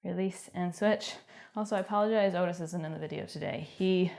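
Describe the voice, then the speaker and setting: A young woman with a Canadian accent guiding a home workout, giving encouraging cues and calm stretching instructions. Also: on the low side, a little fast, creaky. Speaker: fitness instructor.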